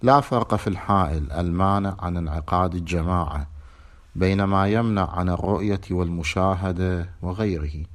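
A man's voice: deep voice, fairly quick. A man with an Iraqi accent giving a lecture on a religious legal text, reading formal passages and then explaining them in colloquial speech with rhetorical questions. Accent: Iraqi Arabic. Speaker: religious teacher.

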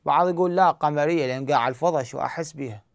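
A man's voice: a little high, racing, gravelly, no room sound, studio quality. A man with an Iraqi Arabic accent, teaching Quran recitation rules step by step and answering his own questions. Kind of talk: explanatory lesson.

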